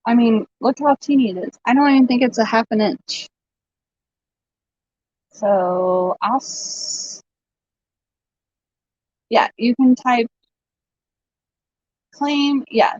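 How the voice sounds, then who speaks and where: A woman's voice: mid-range voice, darkish tone, no echo. A woman hosting a live online vintage sale, chatting casually and laughing often as she shows items. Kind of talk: casual live-stream selling chat. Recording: dull lo-fi stream audio.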